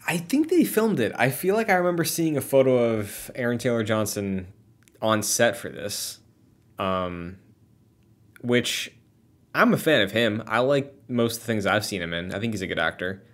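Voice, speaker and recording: A young man with a fairly low voice co-hosting a casual talk podcast. He chats easily and wryly, chuckling as he goes. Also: expressive, moderate pace. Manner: chatty and wry, often laughing. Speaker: podcast co-host. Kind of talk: casual chat.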